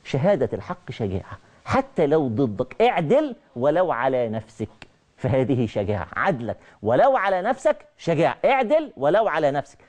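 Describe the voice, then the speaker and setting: Speaking at a moderate pace in a slightly high voice, a middle-aged man with an Egyptian Arabic accent presents a religious lecture on television, and the recording has its highs cut off. He is lively and keeps repeating his key phrases.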